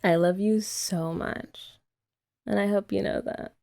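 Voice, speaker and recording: A young woman plays a playful, affectionate girlfriend in an ASMR roleplay, chatting casually with giggles and filler words. Her mid-range voice is slow, steady, creaky, and dark in tone, and her mood is tender.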